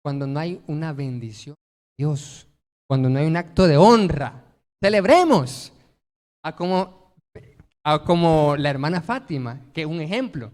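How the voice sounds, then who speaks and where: A man's voice: on the high side, lively intonation, unhurried, pauses often, a little mellow, big-room sound. A man preaching a sermon as pastor, emphatic, posing rhetorical questions and answering them himself.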